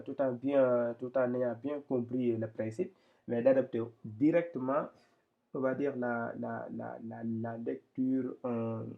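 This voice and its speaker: Guy teaching a lesson, patient, repeats stuff, gravelly voice, kinda muffled audio. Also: medium pitch. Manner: patient, repeats and restarts often. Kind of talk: explaining Arabic reading step by step.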